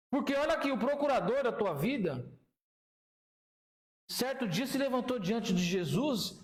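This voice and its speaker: High-voiced man preaching. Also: echoey room. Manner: animated preaching, asks the congregation questions. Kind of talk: sermon.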